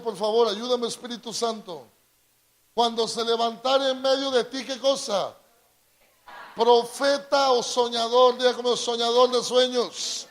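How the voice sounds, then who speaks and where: Slow, high-voiced Latin American preacher. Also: male voice, a bit bright. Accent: Latin American Spanish. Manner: drawn-out emphatic delivery, prompts congregation to repeat. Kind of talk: call-and-response sermon.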